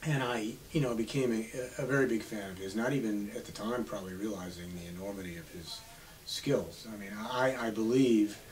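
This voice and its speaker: Older man reminiscing, slightly low voice. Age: 70s. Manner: reminiscing, unhurried storytelling. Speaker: author guest. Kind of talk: radio interview. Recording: slightly distant mic with faint hiss.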